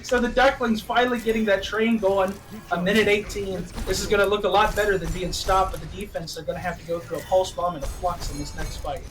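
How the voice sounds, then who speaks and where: A man doing play-by-play esports commentary, excitable and laughing at his own slips of the tongue. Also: sits high, a little fast, few pauses, music in the background. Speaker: esports caster. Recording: distant mic with background noise.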